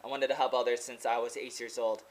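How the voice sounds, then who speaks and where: A young man in his twenties from Oregon, USA, vlogs and teaches English, talking casually and earnestly to his laptop webcam, which sits close up in a small room. His voice is medium-pitched and level, and he speaks fast, rambling with plenty of "like" and repeating himself in this to-camera monologue.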